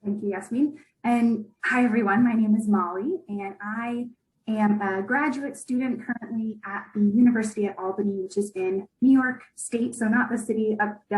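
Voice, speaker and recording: A woman's voice: mid-range voice, a little mellow, echoey room, rough recording. A young woman in her twenties giving an online presentation, chatty and informal, often adding "right?". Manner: conversational, with many fillers and "right?" tags. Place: video call.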